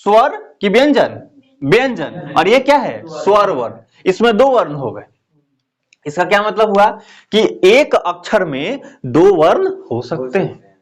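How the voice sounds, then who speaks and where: Lively high-pitched grammar teacher. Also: male voice. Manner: explains slowly, repeats key phrases, asks students questions. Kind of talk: classroom lecture.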